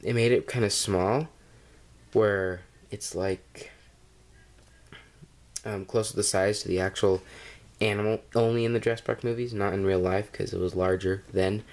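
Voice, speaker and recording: A fairly low-voiced man with a cold talks through a toy review at home. He rambles and hesitates, filling gaps with ums and uhs, and is picked up on a camera mic. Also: steady tone, normal speed, long pauses, a little mellow. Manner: rambling and hesitant, with many fillers. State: has a cold. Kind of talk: casual toy review vlog.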